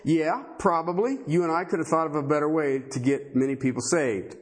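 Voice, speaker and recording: A man's voice: a little high, fairly quick. A man preaching a sermon, asking rhetorical questions and acting out the voices of biblical figures.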